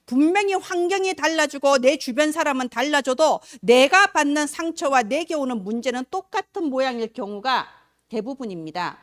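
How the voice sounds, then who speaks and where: A woman's voice: high voice, expressive, normal speed, no echo, studio quality. A woman preacher giving a Sunday sermon in a conversational, storytelling manner. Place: church service. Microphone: filmed on camera.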